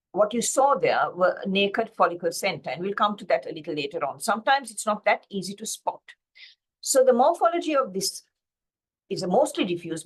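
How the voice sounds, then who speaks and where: A woman's voice: mid-range voice, breathy edge. A woman from Sri Lanka giving a slide-based pathology lecture, explaining steadily with frequent fillers and self-corrections over a video call.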